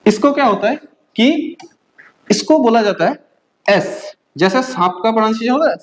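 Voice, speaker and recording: A woman from India teaching a beginner German lesson. She drills letter sounds slowly and keeps checking that the learners follow. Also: a little high, animated, low-quality recording. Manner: patient drilling, frequent "okay?" check-ins, slow spelled-out letters.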